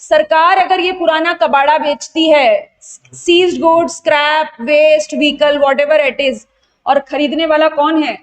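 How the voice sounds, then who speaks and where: A young Indian woman, a GST exam tutor, leads an online tax revision class, firing quick questions at students and answering them herself while mixing Hindi with English terms. Her voice is high and steady.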